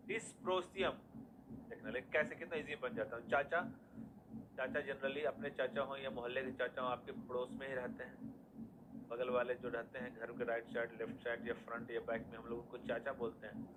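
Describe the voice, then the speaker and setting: A man's voice: medium pitch, steady tone, normal speed, noisy background. A man teaching a classroom lesson in Hindi mixed with English terms, repeating his questions and then answering them himself to drill memory tricks.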